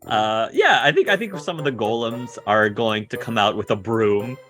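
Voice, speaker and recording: A man's voice: medium pitch, lively intonation, normal speed, fairly bright tone. A man improvising narration as the game master of a tabletop role-playing game. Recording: music playing behind.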